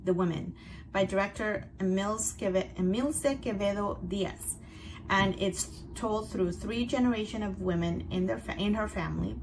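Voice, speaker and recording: A woman hosting in a conversational, semi-scripted style, giving film recommendations in a measured, explanatory way with brief pauses. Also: fairly low pitch, noisy background. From outside North America. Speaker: festival picks host.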